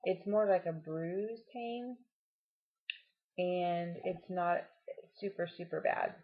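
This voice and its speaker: With a dull, muffled, home-video sound, a woman talks to her audience in a casual vlog update. Her husky, lowish voice carries explanations and comforting advice, though her tongue seems swollen as she talks.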